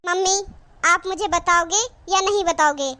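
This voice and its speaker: A woman voicing a chatty young married sister in a cartoon, with a very high, bright voice. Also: unhurried, exaggerated voice. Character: cheerful young married sister visiting her brother. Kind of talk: cartoon voice acting.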